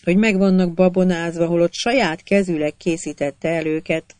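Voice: medium pitch, dry recording, close to an everyday voice. A reader doing a blunt desert herdswoman. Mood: urgent. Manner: plain-spoken, calmly superior. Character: humble desert peasant woman, calm and blunt. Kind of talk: audiobook character voice.

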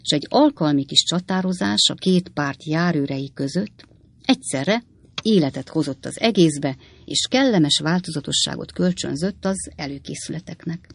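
A narrator reading a classic novel aloud in a measured, unhurried way. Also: medium pitch, animated, gravelly, no echo. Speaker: audiobook narrator. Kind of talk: scripted literary narration.

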